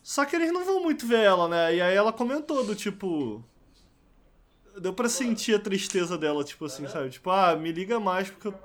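A man's voice: sits high, sing-song, fairly quick. A young man chatting casually as a podcast guest, telling stories with lots of slang fillers. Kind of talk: casual chat.

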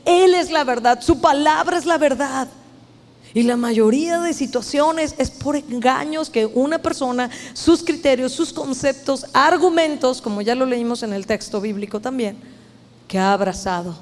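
A woman's voice: high voice, normal speed. A woman preaching a sermon to a women's meeting, earnest and emphatic, speaking directly to her listeners. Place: church meeting hall. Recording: long hall reverb.

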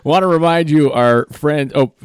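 A man's voice: a little high, moderate pace, clear, resonant tone, no room sound, studio quality. A man hosting a sports podcast, telling stories in a chatty way and laughing easily. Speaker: podcast host. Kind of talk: casual sports podcast chat.

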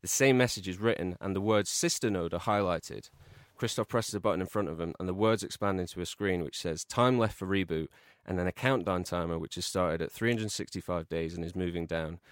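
A man co-hosting a podcast, reading out a comic film pitch with deadpan storytelling delivery. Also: brisk, few pauses, dry recording, studio quality. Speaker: podcast co-host.

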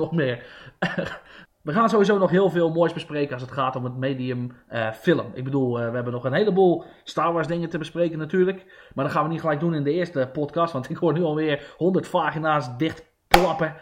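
A man hosting a casual podcast, excitable and rambling, poking fun at himself. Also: a little high. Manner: excitable and rambling, self-mocking. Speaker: podcast host.

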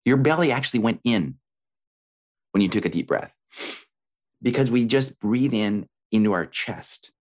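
Male meditation teacher, interview guest. Low pitch, instructive conversational delivery, explains breathing through everyday examples. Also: expressive, a little slow, long pauses.

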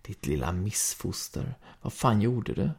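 A man reading angry shouting teen bullies. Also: fairly low pitch, sing-song, gravelly, breathy edge, full character voice. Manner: shouted, hostile lines. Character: angry aggressive teenage boys, bullying.

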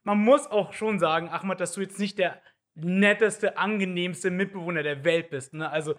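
Chatty, teasing host, high male voice, relaxed banter. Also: normal speed. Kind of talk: casual chat.

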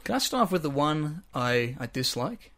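A young man hosts a casual podcast chat in a slightly higher voice. He teases his guest and jokes around, keeping the talk loose. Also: very animated, normal speed, a bit bright. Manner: joking, laughing, teasing questions. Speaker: podcast host.

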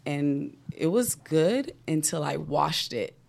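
A woman's voice: deep voice, expressive, takes it slowly, vocal fry, a little mellow. A woman with a female voice chatting casually as a guest on a talk show. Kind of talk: casual chat.

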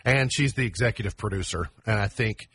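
A man's voice: on the low side, brisk, a bit bright, husky, no echo. A man co-hosting a casual radio show, reading date trivia and chatting. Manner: reads almanac items, then riffs. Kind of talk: casual morning radio chat.

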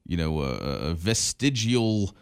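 A man co-hosting a sports history podcast, talking in a quick, rambling way with many fillers and restarts. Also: lowish voice, expressive, smooth. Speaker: podcast co-host. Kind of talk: casual sports history chat.

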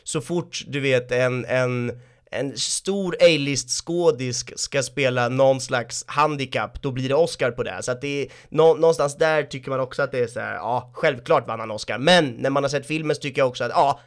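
A young man in casual podcast chat about a film. He rambles, restarts his sentences and laughs at his own remarks. His voice sits at an ordinary middle pitch. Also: smooth. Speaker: podcast co-host.

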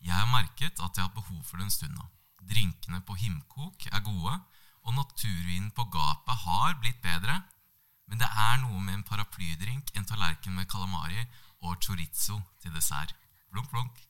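A man, a podcast co-host, reading a comic diary entry in deadpan after some hesitant chat. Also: deep voice.

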